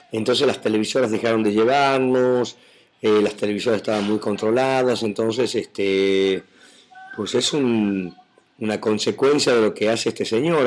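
On a live webcam stream from home, a male actor with an Argentine-Mexican Spanish accent chats casually, rambling through viewer comments with plenty of fillers and soft laughter. His voice sits on the low side, and the recording carries a faint hiss or hum.

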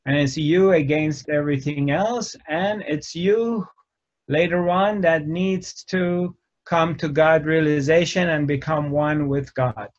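Filmed in a dim room indoors, a man in his fifties who teaches spirituality gives a slow talk to the camera, frequently starting his phrases over. His voice sits slightly high, and the halting delivery comes through dull, lo-fi audio.

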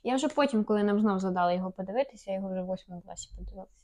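Woman, young adult, playful casual co-host, medium pitch. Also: racing, darkish tone. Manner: playful, laughs between lines. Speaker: podcast co-host asking questions. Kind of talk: casual chat.

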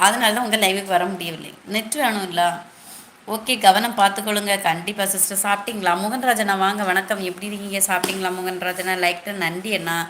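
A woman's voice: mid-range voice, a bit bright, echoey room, a little hiss or hum. A woman hosting a casual live stream, greeting viewers by name one after another and asking how they are.

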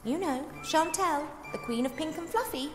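A woman voicing a young, plucky, polite elf princess in a video game, expressive and articulate. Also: high voice, moderate pace, music in the background, natural voice. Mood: pointed. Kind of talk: video game character acting.

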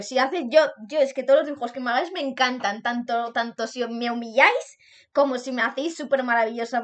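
Bubbly high-voiced Spanish woman streamer. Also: dull audio. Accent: Spanish, from Spain. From Spain. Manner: bubbly, laughs often, repeats phrases, sing-song outbursts. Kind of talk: live stream chat, reacting to fan art.

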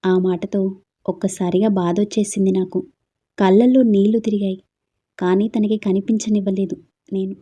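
Brief: woman storyteller, husky and mellow, soft subdued first-person reading. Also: medium pitch, flat delivery, moderate pace, muffled recording.

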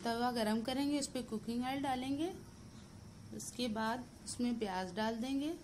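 A woman with a Pakistani Urdu accent, hosting a cooking channel, calmly talking through each step of a recipe in a voice-over. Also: fairly high pitch, moderate pace, slight background noise. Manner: steady step-by-step instructions mixed with English words.

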